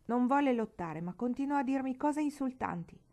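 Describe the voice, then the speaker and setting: A woman's voice: high-pitched, animated, moderate pace, warm tone, pitched above the performer's own voice. A woman putting on an indignant young boy. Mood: aggrieved. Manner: aggrieved, complaining.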